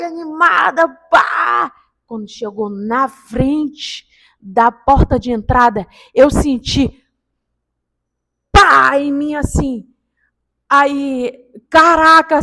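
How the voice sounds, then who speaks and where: A woman in her fifties telling a personal story to camera in a casual, animated way, with sudden interjections. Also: high-pitched. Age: 50s. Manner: animated and excitable, with sound-effect interjections. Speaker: vlogger telling a paranormal story.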